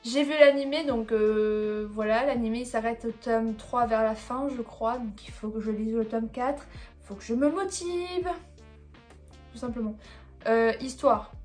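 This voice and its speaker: A woman chatting casually as she reviews her new manga, rambling with frequent fillers and small laughs. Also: on the high side. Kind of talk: casual chat about a manga haul.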